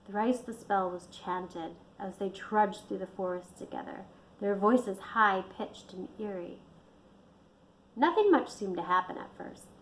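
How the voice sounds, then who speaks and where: A woman reading her own book aloud in a steady storytelling manner. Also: mid-range voice, a little slow, slight background noise, low-quality recording. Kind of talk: audiobook narration.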